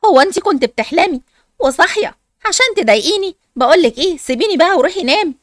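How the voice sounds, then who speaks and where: A woman's voice: very high-pitched, lively intonation, fast talker, no room sound, clean studio sound. Impatient scolding mom, voiced by a woman. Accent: Egyptian Arabic. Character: strict, tired mother of two girls.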